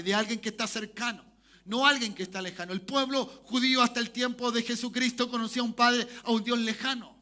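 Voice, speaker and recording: Pastor, really high bright voice, preaching and asking for amens. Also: male voice. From Chile. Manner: preaching, repeats calls for amen. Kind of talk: sermon.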